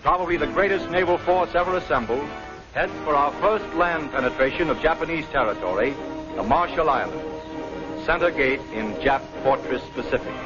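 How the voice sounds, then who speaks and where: A man's voice: on the high side, normal speed. A man with an American accent narrating a scripted 1940s wartime newsreel in a dramatic, declarative way. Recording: dull 1940s newsreel, loud music behind.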